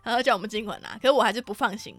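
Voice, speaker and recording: A young Taiwanese woman co-hosts a podcast with a Taiwanese Mandarin accent, rattling off stories at a quick clip in a fairly high voice. She laughs often and swears casually. The sound is close and dry, with faint music underneath. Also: dry recording. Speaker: podcast co-host. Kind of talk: casual chat.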